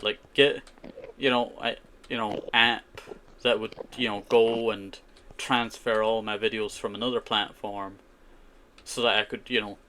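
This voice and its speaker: This streamer's voice sits on the low side with a sharp edge, and a little hiss or hum runs under it. He plays a survival game and chats loosely with his audience, answering their messages, peppering his talk with "you know" and "I tell you" while typing and key clicks sound behind him.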